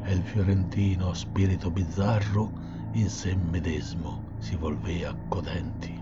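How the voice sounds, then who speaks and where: A man reciting classic verse in a measured, dramatic way, in a dull recording with steady hiss. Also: sits low, music in the background. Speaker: reader.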